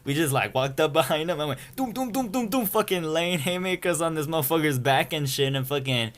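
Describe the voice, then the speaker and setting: This storyteller vlogger, a young man, has a voice on the high side that's brisk and a bit bright. His story-time anecdote rambles along in casual, profane slang, punctuated again and again by "you feel me."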